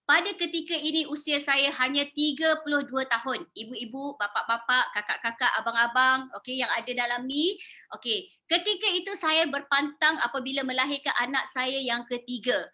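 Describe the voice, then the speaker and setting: Woman, 40s, Malaysian accent, high voice, persuasive sales talk. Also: normal speed, sharp tone. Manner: persuasive, asks the audience questions, mixes in English words. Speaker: beauty salon owner and sales speaker. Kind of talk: sales presentation.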